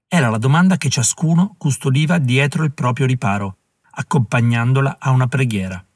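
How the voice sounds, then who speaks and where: A man narrating a historical novel in a steady, dramatic reading. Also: mid-range voice, fairly quick, dry recording. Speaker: audiobook narrator. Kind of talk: scripted narration.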